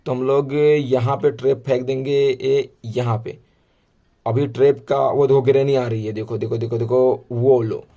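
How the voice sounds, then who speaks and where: A man giving casual, chatty commentary over a horror game he is playing, calling the viewer brother and getting excited at game moments. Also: medium pitch, normal speed. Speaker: gameplay commentator. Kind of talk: casual let's-play commentary.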